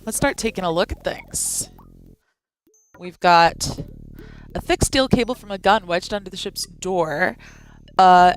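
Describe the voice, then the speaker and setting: A woman's voice: on the low side, a little hiss or hum, rough recording. A young woman who sounds sleep-deprived, streaming a game with casual commentary, reading aloud and adding wry, playful asides. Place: indoor room. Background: game music.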